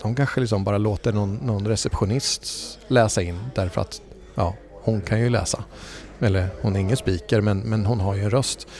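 A man's voice: lowish voice, darkish tone. A man, a voice agency head and voice-over speaker, answering interview questions in a thoughtful way with frequent fillers and restarts. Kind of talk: conversational interview.

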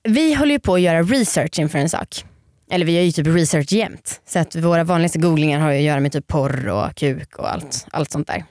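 A woman's voice: low voice, animated, a little mellow, dry recording, clean studio sound. A young woman co-hosting a podcast, chatting candidly, laughing often and acting out quotes in her stories. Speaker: podcast co-host. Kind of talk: casual frank chat.

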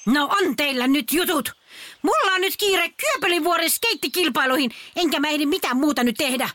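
A woman's voice: high voice, lively intonation, a bit bright, dry recording. A woman doing a grumpy old Easter witch. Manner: grumbling, bossy, brushes off children's chatter. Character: cranky old female Easter witch on a broom. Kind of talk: children's audio story acting.

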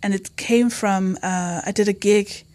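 A candid woman comedian speaks as an interview guest, with a mid-pitched voice. She talks in a lively way and keeps slipping into quick impressions of other people's remarks. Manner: candid, animated, quotes herself and others. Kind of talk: conversational interview.

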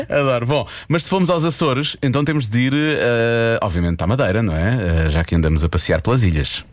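A man's voice: medium pitch, a little fast, slight background noise. A man hosting a radio show in a casual, hesitant way, full of fillers. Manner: laughing, loose and hesitant, with many fillers.

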